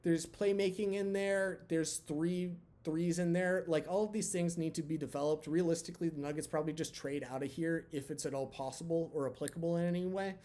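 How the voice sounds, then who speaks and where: A man hosting his own video channel, chatting candidly with lots of fillers, his voice a bit hoarse from talking long. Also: on the high side, steady tone, fairly quick, few pauses, warm tone. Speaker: basketball channel host. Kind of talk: casual talk to camera.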